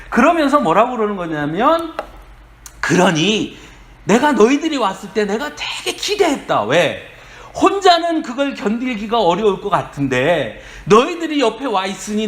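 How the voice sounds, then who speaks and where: A male pastor giving a sermon, animated, acting out quoted voices and chuckling often. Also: very high-pitched. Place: church sanctuary.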